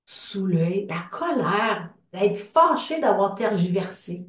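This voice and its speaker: A woman with a Québécois French accent leading a guided group tapping session, speaking slow, calm phrases for others to repeat. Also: medium pitch. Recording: roomy sound from a distant mic.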